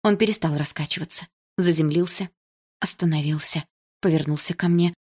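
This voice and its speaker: A woman narrating a first-person novel with an expressive, emotional reading. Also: deep voice, moderate pace, husky. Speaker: audiobook reader.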